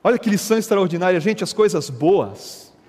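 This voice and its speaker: A man preaching a sermon as a pastor, telling stories in a lively, conversational way. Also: sits high, moderate pace, long reverb tail. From Brazil. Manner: animated, conversational preaching with storytelling.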